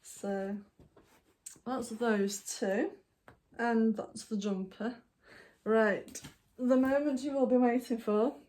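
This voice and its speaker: A woman's voice: a little high, a little mellow. A woman hosting a knitting podcast, chatting casually and meandering with lots of ums and apologies while she shows her projects. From United Kingdom. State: hiccuping. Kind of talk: casual show-and-tell vlog.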